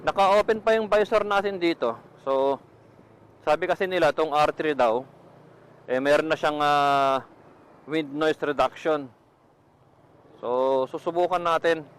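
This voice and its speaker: Riding his motorcycle outdoors, a Filipino motovlogger tries out gear and chats casually through a Bluetooth helmet intercom microphone. His voice is slightly high and clean-toned, and he speaks unhurriedly with long pauses. Wind, engine noise, and traffic from the road come through the recording.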